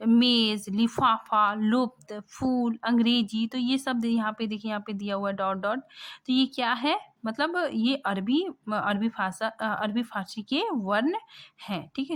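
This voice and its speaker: A woman teaching a grammar lesson from slides, patient and repetitive, often pausing with fillers and checking in with a rising question. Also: a little high. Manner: checks in constantly with "ठीक है?", rising; patient, repeats points, thinks aloud with fillers.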